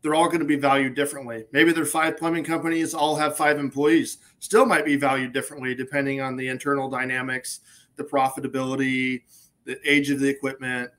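A man's voice: mid-range voice, flat delivery, brisk, fairly bright tone. A man in his forties, a business consultant, speaking as a guest on a video call in an upbeat, matter-of-fact way. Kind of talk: casual interview chat. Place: indoor office. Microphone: video call webcam.

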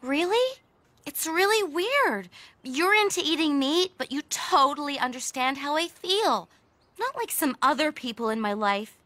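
A woman voicing an earnest, excitable teenage girl in a cartoon. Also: high voice, measured pace, dry recording, heavily acted.

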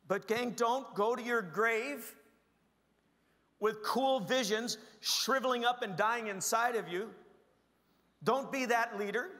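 A man's voice: extremely high pitch, pushed and bright, in a large hall. A middle-aged male pastor giving an earnest, exhorting leadership sermon, calling his audience "gang".

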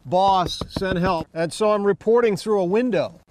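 A man's voice: sits high, normal speed, a little mellow, no echo. A man working as a TV field reporter, giving a live report and plea from outdoors in the snow. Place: outdoors in snow beside a car. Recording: faint outdoor background noise.

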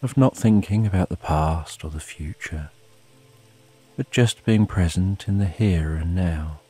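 A man narrating a bedtime sleep story in a calm, soothing, unhurried way with long pauses, as a sleep story narrator. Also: low voice, husky, soft background music. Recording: soft rain behind the voice. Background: rain.

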